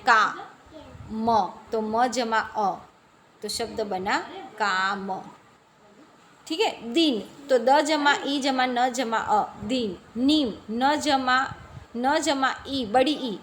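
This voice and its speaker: Slow, higher-voiced woman teacher. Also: a bit bright, slight background noise. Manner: patient, spells out letters and asks rhetorical questions. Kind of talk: classroom lesson explanation.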